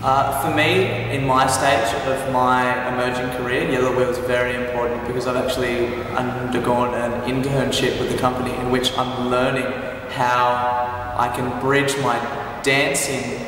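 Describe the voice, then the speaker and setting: A man's voice: mid-range voice, monotone, measured pace. A young Australian man in his early twenties, a dancer reflecting earnestly and articulately on his work. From Gold Coast, Australia. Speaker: dancer intern. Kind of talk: reflective interview answers. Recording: echoey hall recorded from a distance with noise.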